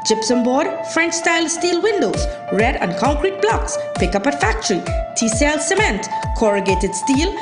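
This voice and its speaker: High, lively woman ad announcer. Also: measured pace, hardly any pauses. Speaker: advertisement announcer. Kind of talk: scripted retail ad read. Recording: echoey, loud music bed.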